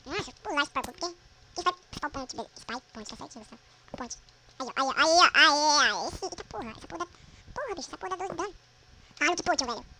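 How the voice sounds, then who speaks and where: A woman with a Brazilian accent giving casual gameplay commentary, swearing constantly and yelling at the game. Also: sits high, expressive, quick pace, noisy background. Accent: Brazilian Portuguese. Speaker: gamer.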